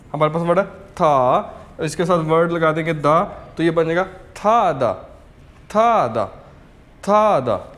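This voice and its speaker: A man's voice: on the high side, a bit bright. A man teaching a language lesson, patiently repeating each word for learners to copy and checking in with "ok" as he goes. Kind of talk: slow step-by-step language lesson.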